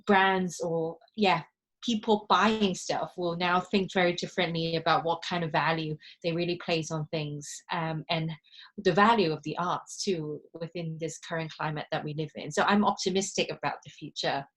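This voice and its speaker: A woman's voice: low-pitched, steady tone, moderate pace, fairly bright tone. A woman from Hong Kong speaking earnestly on a panel over a video call, with many fillers and restarts. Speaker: panelist, social enterprise founder. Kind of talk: panel discussion.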